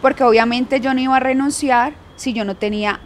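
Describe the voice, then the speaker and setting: A woman's voice: high voice, fairly even intonation, brisk, slight background noise. A young woman telling a personal story frankly, laughing often as an interview guest. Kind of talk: candid storytelling in conversation.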